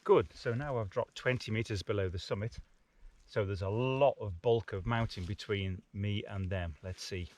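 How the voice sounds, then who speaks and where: Out on open hills, a UK hiking vlogger and gear tester delivers plain, practical field-test commentary in a casual style. His voice sits on the low side with a darkish tone and a moderate pace, and there's a little hiss or hum.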